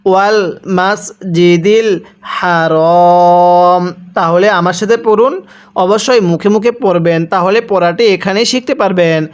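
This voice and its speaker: A man teaching Quran reading by spelling, reciting words slowly and explaining the rules quickly in between, asking listeners to repeat after him. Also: high voice. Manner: slow drawn-out recitation alternating with rapid explanations; calls on listeners to read along with him.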